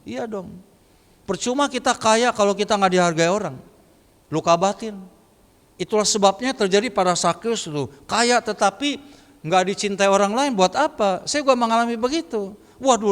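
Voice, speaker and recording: Older man, sermon testimony, joking storyteller, high voice, long hall reverb. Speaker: preacher giving testimony. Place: church prayer meeting hall.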